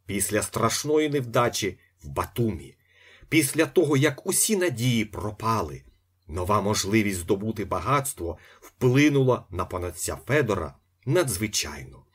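A man reading a novel aloud as an audiobook, with expressive storytelling narration. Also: lowish voice, moderate pace, breathy edge. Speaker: audiobook reader. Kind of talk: scripted narration.

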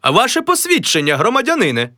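A man's voice: sits high, huge pitch swings, fast, bright, forceful tone, no echo, studio quality, voice pushed up, heavily acted. A man voicing a pompous middle-aged man who rehearses a grand new name in several self-important greeting voices.

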